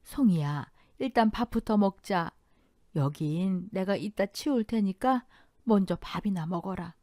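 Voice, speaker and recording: A woman's voice: mid-range voice, unhurried, warm tone, no echo, clean studio sound, natural voice. A woman voicing an elderly grandmother in an audio drama, tearful one moment and scolding fiercely to protect her granddaughter the next. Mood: gentle. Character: elderly grandmother, rice-mill owner, fierce but grieving.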